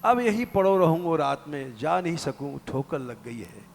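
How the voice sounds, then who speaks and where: A man's voice: fairly high pitch, big pitch swings, unhurried, gravelly, a little hiss or hum, exaggerated voice. A man voicing an old injured ascetic who speaks meekly and wearily. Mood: weary. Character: old injured male ascetic, meek and devoted.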